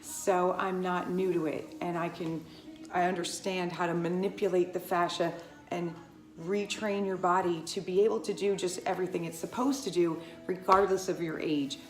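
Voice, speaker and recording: This is a laid-back vlog where a roughly fifty-year-old Pilates instructor talks straight to camera, chatty and digressive, often beginning again mid-thought. Her lowish voice keeps a fairly even intonation at a normal speed, and the recording is reverberant.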